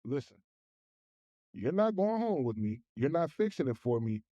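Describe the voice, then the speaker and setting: A man's voice: mid-range voice, big pitch swings, normal speed, dark tone, no echo, highs cut off. A man talking casually and candidly as a podcast guest, blunt and plain-spoken.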